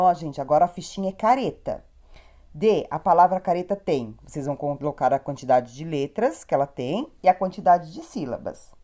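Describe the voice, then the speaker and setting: Mellow-voiced woman teaching small children. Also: fairly low pitch. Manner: slow syllable-by-syllable enunciation, encouraging. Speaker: primary school teacher. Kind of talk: recorded lesson for young children.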